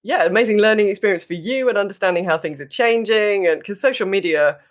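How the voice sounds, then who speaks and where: A man hosting a casual podcast interview in a high voice. He agrees readily and stumbles through fillers as he looks for his next question. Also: fast talker. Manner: warmly agreeing, hesitant with fillers.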